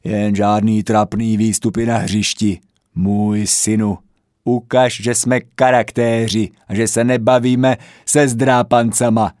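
A man's voice: fairly low pitch, level tone, darkish tone, no room sound, lightly acted. Older father figure, mocking and sly, dry close read, done by a man. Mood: pompous. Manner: mock-feeble, mocking. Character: sly older male football fan, father.

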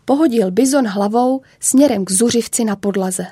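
A woman narrating a children's story in a calm, measured way. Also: fairly high pitch, slightly rough, dry recording.

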